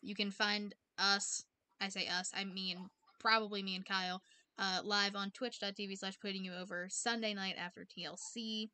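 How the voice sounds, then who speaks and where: Bright-voiced woman hosting a podcast. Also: mid-range voice, little pitch movement, normal speed, smooth. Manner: playful, scolding banter. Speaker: podcast host. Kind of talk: casual podcast chat.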